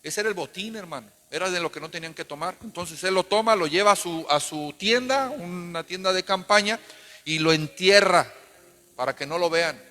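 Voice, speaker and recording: A man's voice: high voice, normal speed, bright, forceful tone. A man preaching a sermon as pastor, emphatic and calling the congregation to repeat after him. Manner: emphatic, calls for responses. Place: church. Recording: long church reverb.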